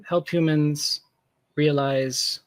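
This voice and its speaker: Very slowly and with fairly even intonation, a man with a higher-pitched voice reflects aloud as a tech founder being interviewed. The conversation is casual, and he gropes for his words as he talks. The recording is dry.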